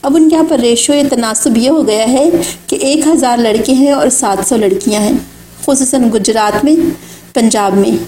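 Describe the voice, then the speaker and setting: A woman's voice: fairly high pitch, mellow, a little hiss or hum. A woman giving an Islamic lecture, speaking in an earnest, exhorting way. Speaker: religious speaker. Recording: echoey room.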